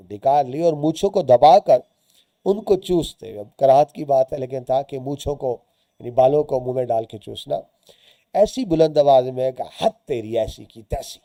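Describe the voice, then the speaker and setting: A man's voice: medium pitch, dark tone, no room sound. A man, teaching students by reading a short story aloud and explaining its words and lines as he goes.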